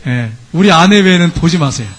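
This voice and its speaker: A middle-aged male pastor preaching a sermon in a church, retelling a scripture story in a lively, dramatizing way. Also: a little high, brisk. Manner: animated preaching, dramatizing the story with quoted voices and laughter. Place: church sanctuary.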